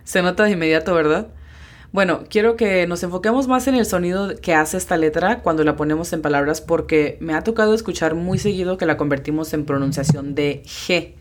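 A woman with a notably low voice leads a bilingual language lesson. She explains each sound patiently and slows right down when spelling letters out. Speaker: English teacher hosting a lesson podcast.

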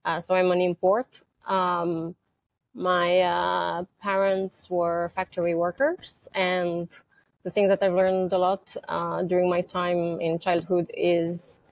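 A woman with a Romanian accent answers interview questions in a low voice with some gravel in it. She talks thoughtfully, often pausing on fillers and restarting her sentences. The sound is close and dry, with no room ring. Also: level tone, dry recording. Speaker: guest, company co-founder. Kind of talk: conversational interview.

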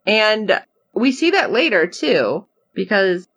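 A woman's voice: mid-range voice, sing-song, takes it slowly, a bit bright. A woman co-hosts a casual podcast recap of a TV episode. Her voice swings widely up and down as she talks. She acts out her own reactions as she goes. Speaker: podcast co-host.

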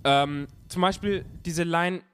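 A man's voice: a little high, slow pace, clear, resonant tone. A man in casual chat about a rap song, talking in slang with stammers and blunt teasing. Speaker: podcast host who edits the show. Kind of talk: casual music review chat.

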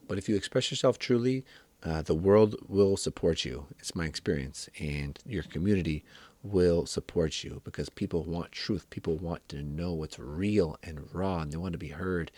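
A man talking as a wellness coach in a reflective monologue, gentle and affirming, often checking in with the listener with "right?". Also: low voice, no echo.

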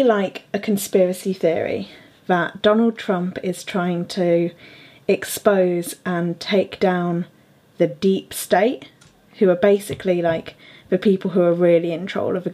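A woman's voice: on the low side, moderate pace, dark tone. Chatty young woman podcast host. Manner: laughs often, chatty with fillers. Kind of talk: casual podcast chat.

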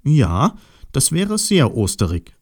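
A man's voice: mid-range voice, huge pitch swings, slow pace, darkish tone, dry recording, clean studio sound, pitched above the performer's own voice, full character voice. A man doing a timid little Easter piglet. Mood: excited. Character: small shy colorful young piglet, sad and eager. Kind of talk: storybook voice acting.

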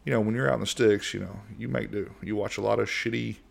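A fairly low, gravelly voice belongs to this middle-aged American podcast host, who talks fast on his laid-back solo show. His delivery is monotone and rambling, packed with fillers and restarts.

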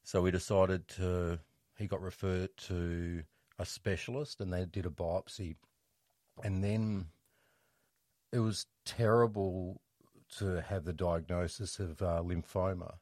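A middle-aged man telling a personal story as an interview guest, reflective and halting, restarting his sentences often. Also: deep voice, steady tone, a little mellow, dry recording, clean studio sound.

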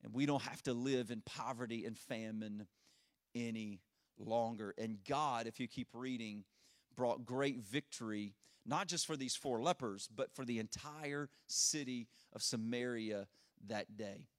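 Pastor preaching at a pulpit microphone. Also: male voice, medium pitch, measured pace. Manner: earnest storytelling with frequent restarts. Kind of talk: sermon retelling a Bible story.

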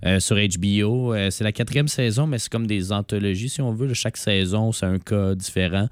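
A man with a smoker's rasp, hoarse and on the low side, recorded close and dry. He has a Quebec French accent and chats informally as a show co-host, hesitating and adding asides. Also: brisk, dry recording. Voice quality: raspy smoker's voice. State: hoarse from lingering laryngitis. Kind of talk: casual chat about cinema.

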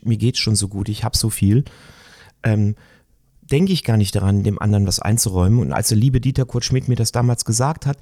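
A middle-aged man talking reflectively in a conversation, searching for words and often pausing with fillers. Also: mid-range voice, a little mellow, dry recording, clean studio sound. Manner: thoughtful, searching, with many fillers.

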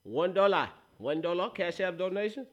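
A man's voice: sits high, animated, moderate pace, a bit bright, dull audio. A man hosting a casual sports talk show, using slangy hype talk as he runs through promos.

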